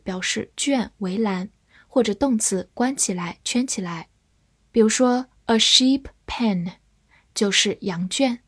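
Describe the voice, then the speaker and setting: Woman, vocabulary teacher, scripted lesson, breathy tone, unhurried. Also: medium pitch. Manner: slow, carefully spelled-out pronunciation drills.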